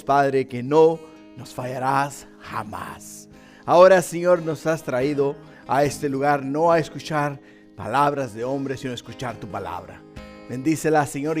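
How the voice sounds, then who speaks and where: A man with a hoarse, croaky frog voice preaching and praying as a pastor, using emphatic repetition and questions to his congregation. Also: a little high. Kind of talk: sermon with prayer and scripture reading.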